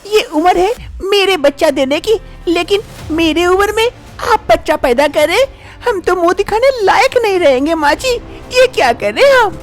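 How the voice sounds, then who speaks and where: A dutiful young daughter-in-law, played by a woman for an animated drama. Her voice sits very high as she pleads politely. She sounds earnest and put-upon. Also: moderate pace, faint music behind. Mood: shocked.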